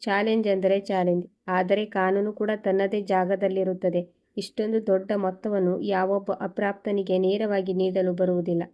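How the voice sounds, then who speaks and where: A woman reading the lines of a proud wealthy woman who speaks calmly and firmly. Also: medium pitch, normal speed, highs cut off, natural voice.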